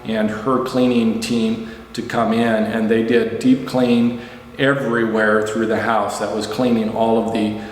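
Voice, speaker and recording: A man's voice: on the low side, flat delivery, a little slow. A man hosting a casual, matter-of-fact walkthrough of a house as its owner, listing details item by item. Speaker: property owner and video host. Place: indoors in an empty house. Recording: very echoey empty house, faint noise.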